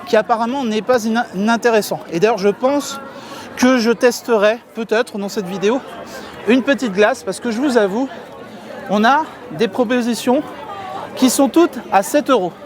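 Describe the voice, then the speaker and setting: A man's voice: extremely high pitch, moderate pace. A middle-aged man chatting to viewers as his friends while walking through a theme park for his vlog, filmed on a handheld camera. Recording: outdoor crowd and faint music behind.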